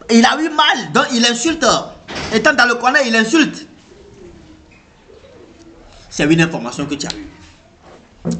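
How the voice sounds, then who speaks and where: A man with an African French accent giving an animated motivational talk, repeating himself and firing rhetorical questions at the listener. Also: a little high, a little hiss or hum. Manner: animated, repetitive, rhetorical questions, acts out reactions. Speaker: motivational speaker.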